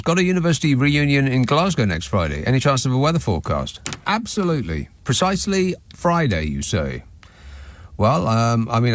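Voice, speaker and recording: Animated, wry male radio host. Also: mid-range voice. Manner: wry, sardonic, mock-authoritative. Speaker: radio talk show host. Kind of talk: comic phone-in chat. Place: radio studio. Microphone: close studio microphone.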